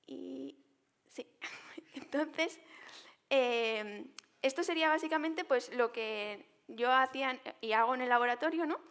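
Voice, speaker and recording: A young woman scientist walks a public audience through her research. Her voice sits a little high, and she talks in an explanatory way, full of fillers and tag questions. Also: measured pace, a bit bright. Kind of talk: talk at a public science event.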